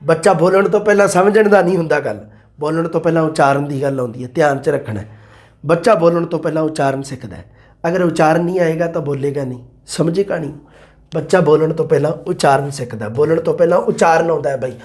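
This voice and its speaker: Male teacher, high voice, chatty exam-prep lecturer who repeats and quizzes. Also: quick pace, darkish tone.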